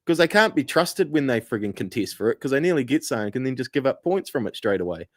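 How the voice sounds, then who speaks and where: A laid-back man chats on a podcast, cursing casually and laughing often. His voice sits at an ordinary pitch. The sound is dry and close. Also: very animated, fast talker, no echo. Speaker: podcast co-host. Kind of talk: casual chat.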